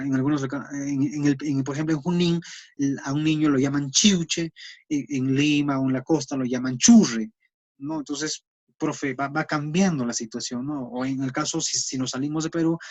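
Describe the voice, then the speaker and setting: A man gives a recorded class lecture in a mid-pitched voice. He explains patiently, pausing on fillers and checking in with tag questions. The sound is dry and close, with no room echo. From Peru. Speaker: teacher.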